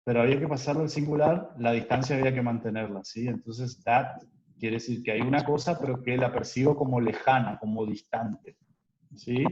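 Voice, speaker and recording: A man's voice: mid-range voice, a little fast, a little mellow. A man teaching an online English class, explaining grammar patiently and drilling pronunciation with his students. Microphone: video call. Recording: roomy, dull video-call audio with faint noise.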